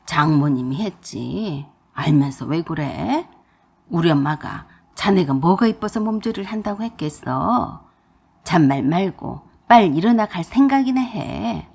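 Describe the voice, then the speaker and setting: A woman voicing a stern, domineering older father-in-law who scolds gruffly. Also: fairly low pitch, expressive, a little slow, darkish tone, pitched below the performer's own voice, exaggerated voice. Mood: scornful.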